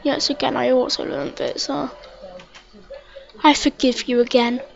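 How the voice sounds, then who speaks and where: A woman's voice: high-pitched, level tone, measured pace, creaky. A woman giving casual, stammering narration of a let's play, repeating words and chatting to the game as she plays. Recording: dull lo-fi mic with faint hiss.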